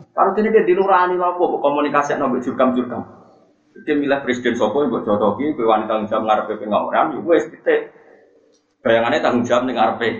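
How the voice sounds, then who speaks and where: A middle-aged man with a Javanese accent giving a humorous religious study lecture, repeating his key points and quoting Arabic. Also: mid-range voice. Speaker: Islamic preacher. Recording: echoey, muffled lo-fi recording.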